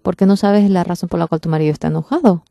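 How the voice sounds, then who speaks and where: Low, mellow woman interpreting a sermon. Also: fairly even intonation, quick pace, vocal fry, no echo. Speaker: interpreter for a pastor. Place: church.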